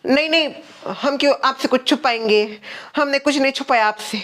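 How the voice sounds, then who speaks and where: A woman acting the daughter-in-law in a comedy sketch, placating and quick with replies. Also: high-pitched, fairly bright tone. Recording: echoey room with long reverb.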